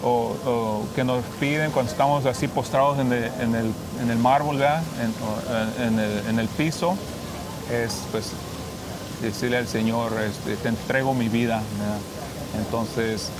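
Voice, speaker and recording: Brief: young Mexican priest as a guest, hesitant and restarting, mid-range voice, noisy background. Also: male voice, medium pitch, steady tone. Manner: halting, many restarts and fillers. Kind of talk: interview guest, personal testimony.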